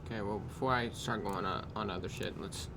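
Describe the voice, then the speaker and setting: A man casually reviewing his trading day, tired and yawning, talking in a loose, unhurried way with drawn-out pauses and the odd swear word. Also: fairly low pitch, noisy background. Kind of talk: casual screen-recorded trade review. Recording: clear keyboard typing in background.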